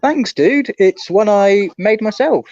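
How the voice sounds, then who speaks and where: A man's voice: high voice, expressive, takes it slowly, a little mellow, no room sound. A man co-hosting a live stream, cheerfully greeting chat and laughing often. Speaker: co-host of a watch-along stream. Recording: dry, muffled lo-fi audio.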